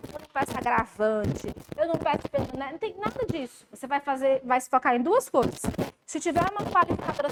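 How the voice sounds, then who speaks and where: A woman's voice: high voice, background noise. A woman with a Brazilian Portuguese accent, teaching law in a live class, chatty and addressing students directly.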